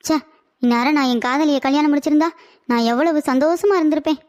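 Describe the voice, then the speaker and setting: A woman's voice: sits high, fast talker, darkish tone, soft background music, natural voice. A woman voicing a foolish, henpecked older husband in a cartoon comedy, whiny and lovesick. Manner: whiny, pleading, dreamy.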